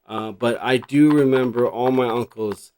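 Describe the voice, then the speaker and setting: A rambling, middle-aged man from New Jersey shows off his cassette collection in a casual, unscripted vlog, thinking aloud reflectively. His voice is warm and medium-pitched at a moderate pace, and the rough recording has a little hiss or hum.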